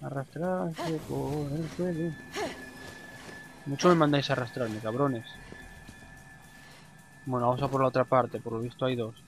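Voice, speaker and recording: A young man from Spain with a Spanish accent, casually commentating his gameplay, swearing often and breaking into excited exclamations. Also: mid-range voice, a little fast, long pauses, poor audio. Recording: game music behind voice.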